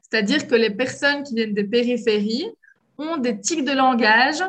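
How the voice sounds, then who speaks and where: A woman from Belgium with a softened Liège accent, explaining her views in a casual conversation with frequent hesitations. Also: fairly high pitch, normal speed. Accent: Belgian French, from Liège, softened.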